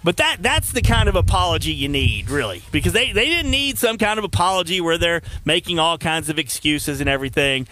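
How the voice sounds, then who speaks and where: A man's voice: fairly high pitch, animated, a little fast, hardly any pauses, sharp tone. A middle-aged man hosting a local radio talk show, chatting and telling stories. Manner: chatty storyteller.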